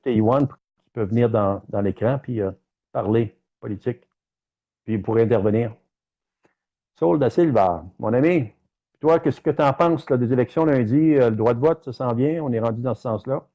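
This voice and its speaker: A man's voice: mid-range voice, normal speed, mellow, lo-fi sound. A man with a Québécois French accent hosting a live stream, reading viewer comments aloud and chatting straight to his audience. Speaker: livestream host.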